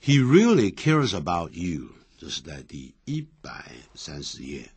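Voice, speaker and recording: Male grammar teacher, husky and low, very lively intonation, dry close sound, methodical lecturing. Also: a little slow, dry recording. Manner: explains step by step, repeating example sentences. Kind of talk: classroom-style grammar lecture.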